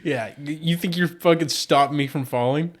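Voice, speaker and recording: A man's voice: fairly high pitch, moderate pace. A man co-hosting a podcast in casual chat, chiming in with short reactions and jokes. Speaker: podcast co-host.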